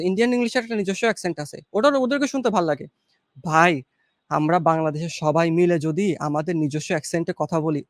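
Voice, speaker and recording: A relaxed Bangladeshi man speaks in a fairly high voice, unhurried and encouraging. He sounds close and dry, with no room around him. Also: dry recording. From Chittagong, Bangladesh. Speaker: guest graphic designer. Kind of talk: casual advice talk.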